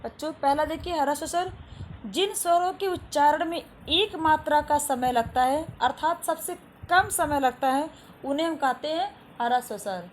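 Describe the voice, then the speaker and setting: A woman's voice: sits high, normal speed, slight background noise. A woman teaching a lesson to children. She repeats each definition and asks and answers her own questions.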